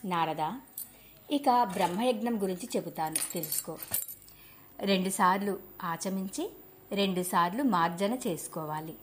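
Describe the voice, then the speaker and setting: A woman narrating devotional scripture, reciting long lists of names and mantras in a measured way. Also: lowish voice, a little hiss or hum.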